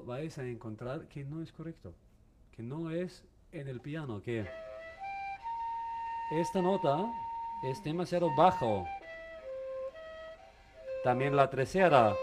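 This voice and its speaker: Halting man teaching a violin masterclass. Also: on the high side. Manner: halting, mixes in English words, asks the class questions.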